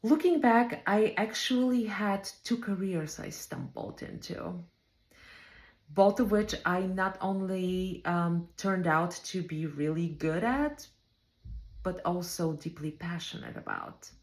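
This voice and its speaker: A woman with a Bulgarian accent, a native Bulgarian speaker, who leads home care operations. She reflects on her career in a measured way, with frequent ums. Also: lowish voice, darkish tone, roomy sound.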